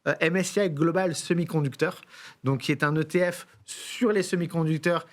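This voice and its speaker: A man's voice: a little high, normal speed. A man, an invited expert in a studio interview, explaining methodically and often restarting his phrases.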